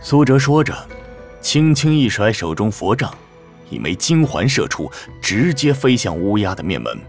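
A man's voice: lowish voice, sing-song, normal speed, vocal fry, faint music behind. A man narrating a dramatised story as a scripted, dramatic narrator.

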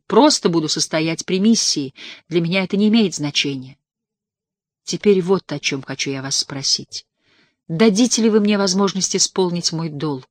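Alec, a reader doing a pleading young gentleman. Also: mid-range voice, dry recording, studio quality, close to an everyday voice. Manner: earnest, pleading. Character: guilt-ridden young gentleman suitor, earnest. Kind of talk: audiobook reading.

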